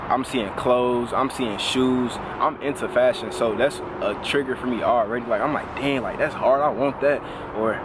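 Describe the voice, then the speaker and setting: A man of twenty talking casually and reflectively as a vlogger, relaxed and full of fillers. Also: mid-range voice, noisy background. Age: 20s. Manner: relaxed, conversational, lots of "like" fillers.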